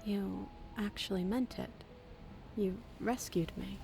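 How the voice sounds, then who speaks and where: A guarded, wounded game princess. Her voice is gravelly and creaky, with a dark, mellow tone. Faint music sits behind it. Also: mid-range voice, slow. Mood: moved, soft.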